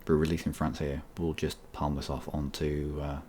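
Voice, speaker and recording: A man's voice: very deep voice, level tone, moderate pace, warm tone, a little hiss or hum. A man thinking aloud as he plays a strategy game, with wry asides, at a desk microphone. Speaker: gaming channel host.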